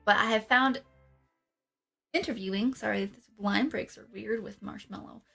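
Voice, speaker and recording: Woman host, fairly high and crisp-edged bright tone, giggly casual banter, faint music underneath. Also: normal speed. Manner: jokey, giggly, mock-professional. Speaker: livestream host. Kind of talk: casual comedic livestream chat.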